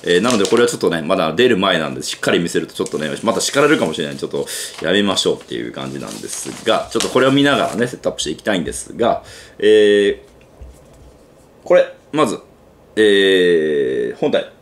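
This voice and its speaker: A man's voice: low-pitched, sing-song, fast talker, slight background noise. A man with a Kansai accent hosting a casual gadget unboxing review, chatty and thinking aloud with lots of fillers. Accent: Kansai Japanese. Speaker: gadget reviewer and channel host.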